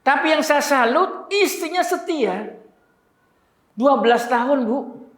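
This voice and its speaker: Storytelling preacher in echoey hall. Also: male voice, very high-pitched, lively intonation, slow, a bit bright. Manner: conversational, addresses audience directly, emotional storytelling. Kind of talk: religious lecture, storytelling. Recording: echoey room.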